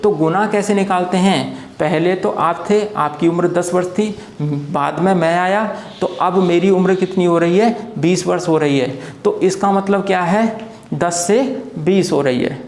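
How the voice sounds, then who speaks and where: A man explains a lesson at a board, his voice sitting a little high for a man and ringing in an echoey room. He poses a question to his students and answers it himself, then goes over the point again, slowly and patiently. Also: a little mellow. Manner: asks rhetorical questions and answers them himself; repeats key points patiently. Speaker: teacher. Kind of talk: classroom lecture at a board.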